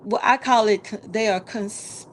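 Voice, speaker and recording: A woman hosting a casual talk show, chatting in an animated, folksy way and repeating words for emphasis. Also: mid-range voice, unhurried, slight background noise, rough recording. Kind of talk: casual live call-in style chat.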